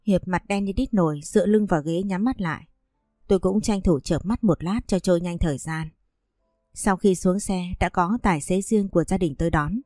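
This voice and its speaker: A woman narrating a first-person story in a steady storytelling manner. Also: on the low side, moderate pace, no room sound, studio quality, faint music behind.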